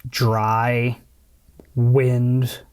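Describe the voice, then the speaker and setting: A man at a middle pitch co-hosts a podcast. He chats easily and offers fun facts in an unhurried, conversational way. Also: clean tone. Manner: relaxed, sharing trivia. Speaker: podcast co-host. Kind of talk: casual chat.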